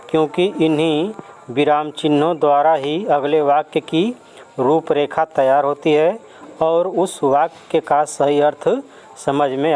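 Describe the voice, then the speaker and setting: A man gives a grammar lesson to a class of children, spelling out definitions and examples one by one. His voice sits a little high. He speaks very slowly and deliberately, turning often to address the pupils. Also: a little mellow, rough recording. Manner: slow, careful explaining with definitions and examples. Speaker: teacher. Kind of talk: Hindi grammar lesson for schoolchildren.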